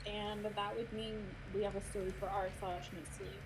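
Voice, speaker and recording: A woman's voice: medium pitch, level tone, normal speed, noisy background. A woman chatting casually and teasingly as a participant in an online game event.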